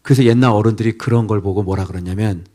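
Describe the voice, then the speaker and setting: A middle-aged male pastor preaching an expository sermon, firing rhetorical questions at the congregation and swinging between loud scolding outbursts and near-whispers. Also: fairly low pitch, quick pace.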